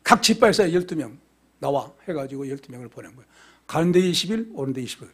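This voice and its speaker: Husky, lively-pitched preaching man. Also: fast talker. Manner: emphatic, asks the congregation questions and answers them himself; swings between loud exclamations and quiet drops. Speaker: pastor. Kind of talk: expository sermon.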